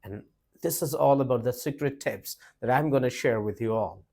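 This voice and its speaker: A man's voice: mid-range voice, moderate pace, darkish tone. A man teaching a lesson, emphatic and repetitive, asking the viewers rhetorical questions. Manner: emphatic, repeats points, asks rhetorical questions. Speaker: English teacher. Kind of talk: spoken English lesson to camera.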